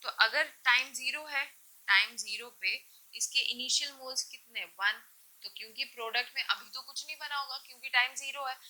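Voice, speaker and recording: A woman teaches a chemistry lesson in a mix of Hindi and English, working through it step by step and often posing questions she then answers herself. She checks in frequently with short confirmations. Her voice sits high, bright and forceful, on a rough recording.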